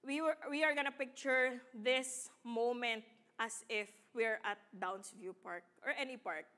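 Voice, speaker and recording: A woman's voice: a little high, measured pace, bright, forceful tone. A young Filipino woman preaching a casual sermon, chatty, laughing often and asking the congregation questions. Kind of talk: sermon, Taglish. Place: church hall in Canada.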